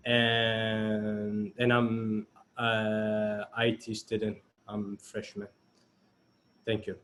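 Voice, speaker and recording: A young man from Mauritania on a video call, speaking slowly in an extremely flat monotone. Faint background noise sits under his voice. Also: lowish voice. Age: 20s. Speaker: photographer speaker. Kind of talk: self-introduction.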